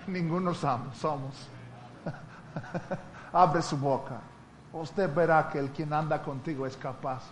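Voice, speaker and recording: A male preacher with a fairly high voice delivers a sermon. He tells stories in an animated way and laughs often. A faint hiss runs underneath. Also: takes it slowly, pauses often.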